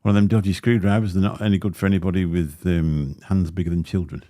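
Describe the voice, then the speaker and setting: Speaking fast but in a steady tone, a man with a deep, mellow voice chats casually on a livestream as he unboxes gear, wandering into asides packed with fillers. The dynamic studio mic sits close, and the sound is dry and clean.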